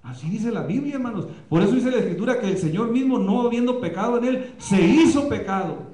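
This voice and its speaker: A male pastor preaching a sermon with passion, often pausing on fillers. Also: very high voice, animated, dark tone, roomy sound. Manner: impassioned preaching, many filler pauses. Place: church, live streamed.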